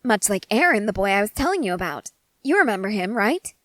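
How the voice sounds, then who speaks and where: Here a woman plays an excitable, earnest scientist soldier in an ASMR character roleplay aimed at the listener, stressing key words and pausing between thoughts. Recorded close and dry with no room sound, her middle-pitched voice carries a tone of earnest reassurance.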